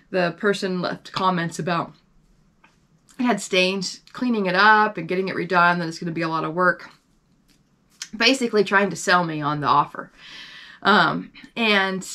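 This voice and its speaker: Bright, chatty woman vlogging. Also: mid-range voice. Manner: chatty and rambling, with many fillers and self-corrections. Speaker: online reseller and channel host. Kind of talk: casual vlog chat.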